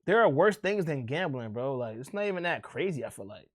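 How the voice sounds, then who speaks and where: A man streaming and chatting casually with his viewers, speaking in a slangy drawl that often trails off quietly. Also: on the high side, big pitch swings, brisk. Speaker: streamer reacting to a video. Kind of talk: casual chat.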